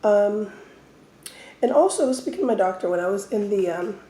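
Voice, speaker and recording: A woman telling stories casually as an eating-show host, talking in short phrases with pauses. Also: mid-range voice, lively intonation, mellow. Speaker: mukbang host. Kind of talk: casual storytelling while eating. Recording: roomy, echoey indoor sound.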